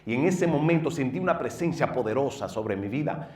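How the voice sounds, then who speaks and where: A middle-aged man with a Dominican accent, a pastor telling his personal testimony in an earnest way, going from loud bursts to low murmurs. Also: lively intonation, a little fast. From northeastern United States. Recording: roomy sound from a distant mic.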